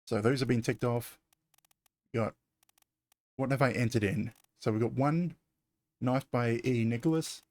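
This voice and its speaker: A man's voice: medium pitch, a little slow, pauses often, a little mellow, no echo. A man streaming a mystery game, thinking aloud in a hesitant, self-correcting way. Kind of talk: casual gameplay commentary.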